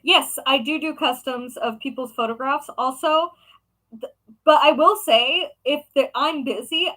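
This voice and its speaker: A young woman talks casually to her viewers about her craft work, wandering from one point to the next with plenty of fillers. Her voice sits a little high and sounds bright and forward. She keeps an easygoing, chatty tone throughout. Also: rough recording. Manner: chatty, rambling with many fillers. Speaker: craft shop owner and vlogger. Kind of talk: casual chat answering viewers.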